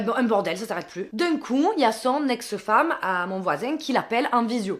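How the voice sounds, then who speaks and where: A woman telling a personal storytime in a relaxed, colloquial way. Her voice sits a little high, and she keeps addressing the listener with chatty asides. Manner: chatty, colloquial, lots of 'tu vois'. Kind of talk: casual storytime.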